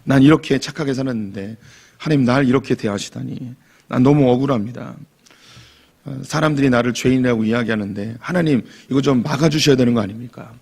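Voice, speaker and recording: A man's voice: medium pitch, creaky, darkish tone, husky. A man voicing a grieving, complaining sufferer. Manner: pleading, aggrieved complaint. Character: suffering man pouring out bitter laments to God.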